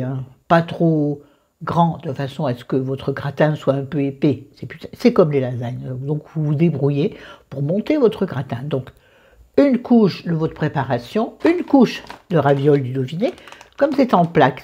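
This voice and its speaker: A woman's voice: low voice, expressive, moderate pace, mellow, slightly rough, muffled recording. A woman casually walking viewers through a recipe, chatty and digressive, with joking asides to herself. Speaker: cooking vlogger.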